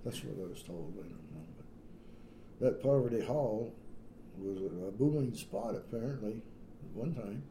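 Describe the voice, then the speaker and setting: A man's voice: fairly low pitch, sing-song, moderate pace, gravelly, mellow. An older man, reminiscing in a casual, rambling way with many fillers and chuckles. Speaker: local elder recalling old times. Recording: roomy room echo, light noise.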